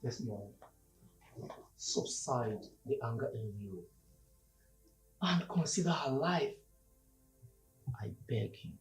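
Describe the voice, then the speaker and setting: An actor playing a grave family doctor in a film drama, appealing formally and deliberately. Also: male voice, mid-range voice, lively intonation, faint music behind, rough recording. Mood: solemn pleading.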